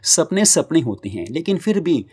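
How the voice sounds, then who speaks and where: A man's voice: fairly high pitch, sing-song, moderate pace, darkish tone, slightly rough, pitched above the performer's own voice. A man voicing a cheerful yet lonely middle-aged mother who talks in an easygoing, reassuring way. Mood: fond.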